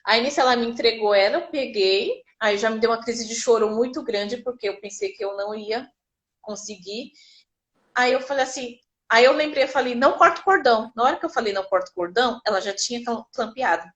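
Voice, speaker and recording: A woman's voice: fairly high pitch, fairly quick, lo-fi sound. A Brazilian woman telling her birth story casually and vividly, acting out the people she quotes. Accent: Brazilian Portuguese.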